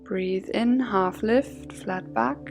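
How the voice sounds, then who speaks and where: Leading a yoga and meditation class, a woman speaks at an unhurried pace in a medium-pitched voice with a creaky edge. Her phrasing is soothing and gently measured, punctuated by breath cues, while soft music plays.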